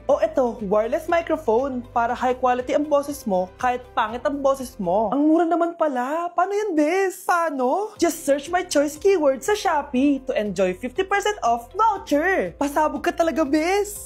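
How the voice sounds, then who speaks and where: A woman voicing catty young friends swapping gifts and trading teasing insults in a skit ad. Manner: teasing, mock-sweet, low and hushed. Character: catty young women friends at a gift swap.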